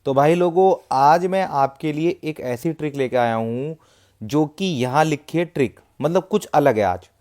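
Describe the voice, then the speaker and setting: A man's voice: fairly high pitch, a little slow, darkish tone. A man talking casually to viewers and walking through a number chart step by step, repeating himself often. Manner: chatty, repetitive, walks through a chart step by step. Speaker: matka chart tipster. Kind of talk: casual explainer talk to viewers.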